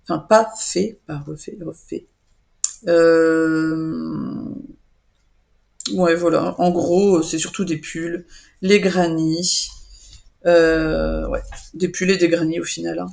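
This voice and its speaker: A young woman with a deep, steady, darkish voice and vocal fry talks slowly, pausing often, as she chats casually to camera about her knitting and crochet projects. She rambles, hesitating frequently and correcting herself.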